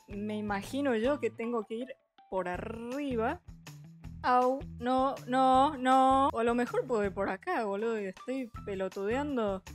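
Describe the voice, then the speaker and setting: Young woman, Argentine accent, high-pitched, frantic let's play chatter, faint music behind. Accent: Argentine Spanish. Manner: frantic, swearing, pleading with the game. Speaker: gaming youtuber.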